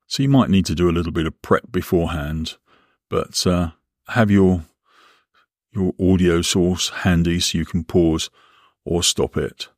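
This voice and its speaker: Deep-voiced man guiding a relaxation exercise. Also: dry recording, clean studio sound. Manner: measured, instructional, with deliberate pauses. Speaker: guided visualisation instructor. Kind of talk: guided relaxation and visualisation narration.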